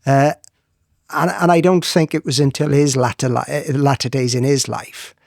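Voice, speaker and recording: Middle-aged Welsh Valleys man, halting interviewer. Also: mid-range voice, vocal fry, no echo, studio quality. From south Wales valleys. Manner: halting, tentative phrasing with repeated words. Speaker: interviewer, host. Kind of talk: reflective conversational interview.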